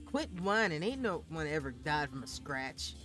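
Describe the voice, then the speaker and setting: A man voicing an ancient, vulgar and fiercely protective grandmother in a storybook reading, with a gruff drawl, over music. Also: on the high side, sing-song, moderate pace. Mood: scornful.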